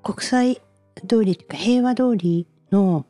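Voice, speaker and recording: A woman's voice: mid-range voice, measured pace, dark tone, no room sound, soft background music. A woman in her fifties hosting an interview podcast, attentive and constantly murmuring agreement. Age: 50s. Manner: attentive, constant back-channel nods. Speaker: podcast host. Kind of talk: casual interview chat.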